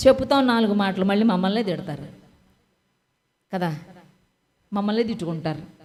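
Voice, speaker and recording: A woman's voice: medium pitch, animated, a little fast, a little mellow. A woman preaching a sermon with emphatic rhetorical questions and repetition, speaking straight to her listeners. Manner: talks straight to listeners by name.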